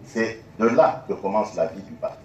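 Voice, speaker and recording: A man, a party candidate speaking haltingly with many fillers and restarts. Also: on the low side, expressive, dull audio, slight background noise. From Congo. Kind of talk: political debate. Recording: echoey hall from far off.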